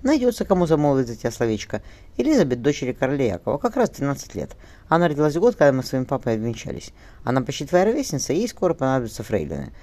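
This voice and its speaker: A man's voice: medium pitch, sing-song, racing, a little mellow, voice pushed up. A man voicing a resolute young mother. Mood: determined. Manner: firm, tender with her daughter. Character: resolute young mother locked in her bedroom.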